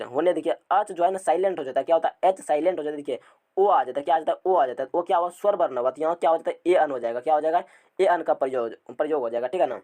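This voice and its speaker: A man teaching a grammar class. He repeats words and asks the students questions, and reads English rules slowly word by word. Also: fairly high pitch, mellow.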